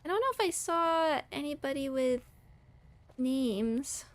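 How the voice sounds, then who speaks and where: A woman's voice: high-pitched, expressive, slow. A woman giving casual let's play commentary, musing aloud in short fragments as she plays a video game. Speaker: gamer commenting on her own playthrough.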